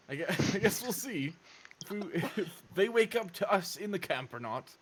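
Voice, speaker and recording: A man's voice: high-pitched, expressive, a little slow, slight background noise. A man playing a tabletop game, chatting casually, often laughing and joking. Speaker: player. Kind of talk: casual tabletop play chat.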